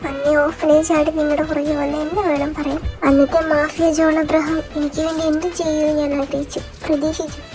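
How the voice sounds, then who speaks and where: A woman's voice: high-pitched, flat delivery, quick pace, few pauses, music in the background. A woman voicing a worried middle-aged mother who scolds her husband and frets over her daughter. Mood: sulky. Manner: fretful, scolding.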